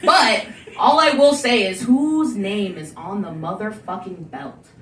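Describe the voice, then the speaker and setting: A woman's voice: medium pitch, unhurried, echoey room, recorded from a distance, slight background noise. A woman giving a profane, teasing roast, laughing through her jokes. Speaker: roast speaker. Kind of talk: casual roast toast.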